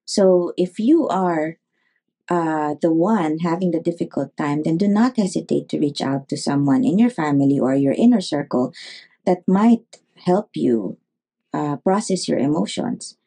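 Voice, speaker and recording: A woman who is a neurologist gives advice as a guest in an interview, speaking in a measured way with lots of pauses and fillers. Her voice is low, expressive and mellow, with a slight roughness.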